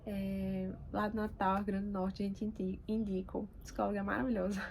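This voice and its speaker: A woman, speaking gently and hesitantly, with many pauses, as a mother sharing her story. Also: medium pitch, level tone, creaky, slight background noise. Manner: soft-spoken, hesitant, many pauses and fillers. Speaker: mother vlogger. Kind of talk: casual personal talk to camera. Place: quiet home room.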